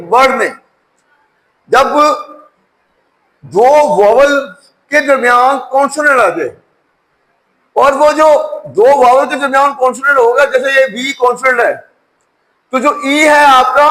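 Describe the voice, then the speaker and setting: A man's voice: very high voice, pushed and bright, poor audio. A male English teacher giving a lecture, patiently spelling each word letter by letter before saying it.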